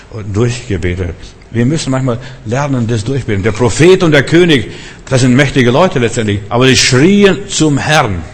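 A man preaching a sermon, emphatic and repetitive, rising to fervent shouts. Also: lowish voice, a little hiss or hum. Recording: long church-hall reverb.

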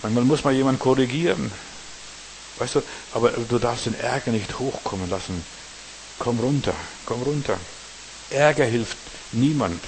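A man preaching a sermon, emphatic, speaking straight to the congregation and swinging between loud stresses and quiet asides. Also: medium pitch, moderate pace, slight background noise, rough recording. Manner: emphatic, talks straight to the congregation with repeated tag questions.

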